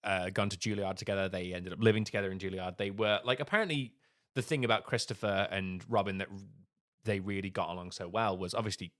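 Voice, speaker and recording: A man co-hosting a podcast, retelling a life story in casual chat with animated asides. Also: low voice, fast talker. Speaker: podcast co-host.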